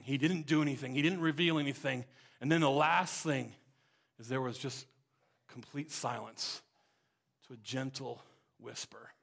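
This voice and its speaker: A man preaching a sermon, retelling scripture with dramatic swings from loud emphasis to hushed, near-whispered lines. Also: fairly high pitch.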